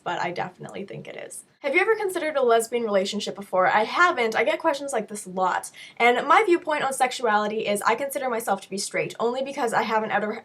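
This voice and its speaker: A young woman speaks in a fairly high voice that is touched by sickness. She chats informally to her viewers as she answers questions. Her delivery is frank and conversational, with playful asides. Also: a bit bright. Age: young adult. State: sick with a cold-affected voice. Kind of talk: casual chat to camera, Q&A.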